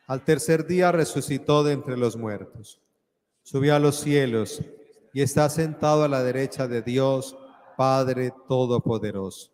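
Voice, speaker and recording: A solemn male priest leads mass in an even, mid-pitched voice. His measured words fill a large church and ring out in a long cathedral echo. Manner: solemn, measured, louder on the creed. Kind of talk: leading mass.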